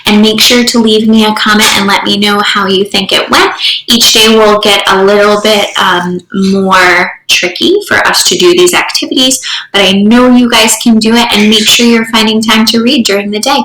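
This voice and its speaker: A woman teacher leading a phonics drill, slowly and deliberately sounding out each part of a word. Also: mid-range voice, little pitch movement, pushed and bright. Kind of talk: slow phonemic awareness drill for young students. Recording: echoey room.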